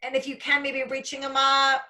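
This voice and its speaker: Upbeat woman activity leader on a video call; high, bright voice, encouraging. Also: completely flat delivery, moderate pace. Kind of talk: casual video-call session.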